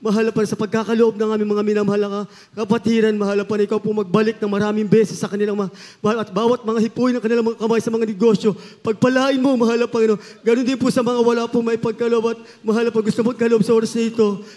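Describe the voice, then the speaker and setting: A man prays over the church offering, quick and earnest, repeating his invocations. His high voice stays dark and level. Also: level tone. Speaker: church worker leading offering prayer. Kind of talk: offering prayer.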